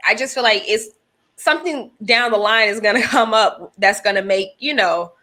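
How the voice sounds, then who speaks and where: Bright-voiced woman in her thirties. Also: fairly high pitch, moderate pace. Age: 30s. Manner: thoughtful, talks through examples. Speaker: podcast co-host. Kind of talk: casual chat.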